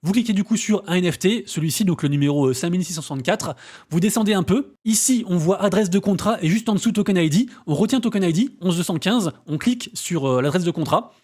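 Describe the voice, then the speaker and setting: A man runs a casual crypto news vlog at a rapid clip. His voice sits fairly high, and he talks in slang, full of fillers and quick restarts. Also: animated, a little mellow. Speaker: crypto and NFT news host.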